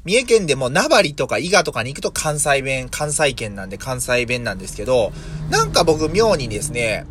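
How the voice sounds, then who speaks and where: A man's voice: mid-range voice, very animated, moderate pace, few pauses, fairly bright tone, a little hiss or hum. A man in his thirties from Mie, Japan, hosting a casual solo podcast as a vegetable farmer, thinking aloud with many fillers and self-corrections. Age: 30s.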